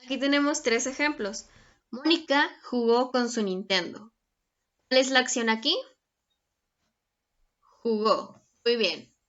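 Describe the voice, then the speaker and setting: A young woman with a slightly high, fairly bright voice teaches a grammar lesson slowly, pausing often. She's patient and keeps checking in with her students, though the lo-fi recording sounds dull.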